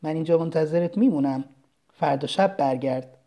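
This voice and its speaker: A reader voicing a gentle, earnest young boy prince from a tiny planet in a storybook reading. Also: mid-range voice, lightly acted. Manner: soft, earnest and kind.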